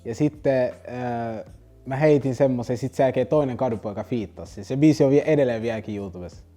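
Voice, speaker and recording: A man's voice: mid-range voice, mellow, soft background music. A young man, a rapper telling stories in a loose, rambling interview. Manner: loose, rambling slang-heavy telling with restarts. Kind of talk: casual storytelling interview.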